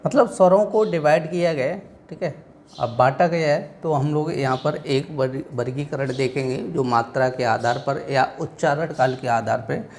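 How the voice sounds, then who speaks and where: Gravelly Hindi-accented male teacher. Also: mid-range voice, normal speed, slight background noise. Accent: Hindi from northern India. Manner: repetitive, quizzing listeners with rhetorical questions. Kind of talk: classroom lecture.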